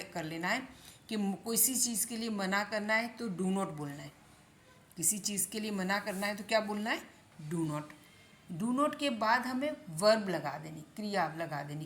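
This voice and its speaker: Slow, patient woman teacher. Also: mid-range voice, a bit bright. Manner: repeats and quizzes the listener with questions. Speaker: English teacher. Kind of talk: slow classroom-style explanation.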